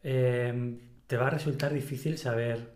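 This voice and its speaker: A man's voice: mid-range voice, steady tone, unhurried, darkish tone. Man from Spain, chatty and explanatory. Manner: explains at length, restarting phrases. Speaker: podcast host. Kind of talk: casual conversational chat. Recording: echoey room.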